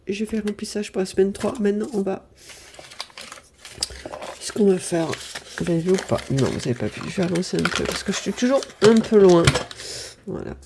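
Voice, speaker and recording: In a casual budget diary chat recorded at home in her apartment, a budget vlogger from southern France with a stuffy nose from a cold thinks through her sums aloud, apologizing repeatedly. Her mid-range voice is expressive and a little fast, she pauses often, and the background is noisy.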